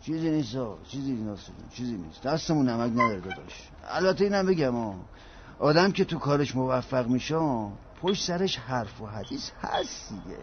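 An actor playing a short-tempered middle-aged real-estate agent in a radio drama, brusque and quick to snap. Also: male voice, medium pitch, very animated, slight background noise, lightly acted. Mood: grumbling. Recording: dull lo-fi radio recording.

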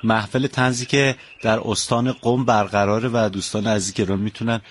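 A man's voice: on the low side, flat delivery. A man hosting a radio talk show who speaks politely and courteously, with frequent thanks and praise for his guest. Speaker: radio host.

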